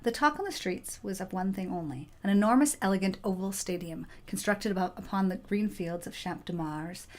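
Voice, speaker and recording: A woman's voice: mid-range voice, fairly quick, hardly any pauses. A woman expressively reading the text of a story game aloud.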